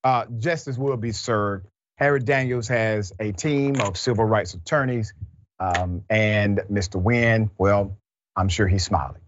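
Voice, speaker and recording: A man's voice: fairly low pitch, a little slow, no echo. A man hosting a news commentary show, talking animatedly and mocking the people he quotes. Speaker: show host. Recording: dull dry lo-fi sound.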